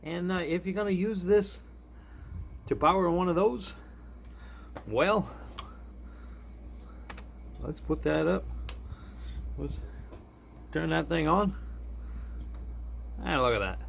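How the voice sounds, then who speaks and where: Chuckling often and thinking aloud, this man talks informally through a hands-on gadget demo as a product reviewer. His voice is a little high, and he goes slowly with long pauses. It was recorded indoors, and the room noise is clearly audible.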